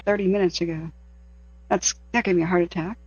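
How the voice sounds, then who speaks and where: A man with a notably high voice talks casually as a livestream host. The sound is slightly dull and lo-fi, and the commentary is loose and unscripted. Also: steady tone, fairly quick. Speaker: livestream host monitoring fire scanners.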